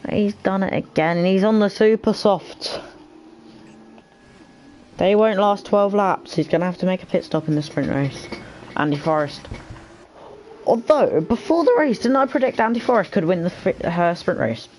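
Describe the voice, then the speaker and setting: Co-commentator, casual and excitable, mid pitch, light background noise. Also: poor audio. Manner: excitable, quick reactions. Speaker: race co-commentator. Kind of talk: casual online racing commentary.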